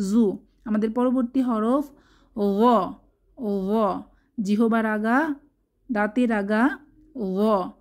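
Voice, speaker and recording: A woman Quran teacher with a soft, mellow voice that sits a little high. She draws out each syllable slowly and patiently as she drills Arabic letter sounds. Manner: slow, drawn-out syllable drills with patient explanations. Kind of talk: online Arabic letter pronunciation lesson.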